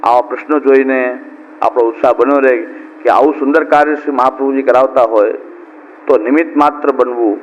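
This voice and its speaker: A man's voice: medium pitch, fairly even intonation, fairly quick, long reverb tail. A middle-aged man giving a devotional discourse as a preacher, talking in a conversational way and repeating points for emphasis. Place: discourse hall at a religious camp. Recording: dull lo-fi with faint hiss.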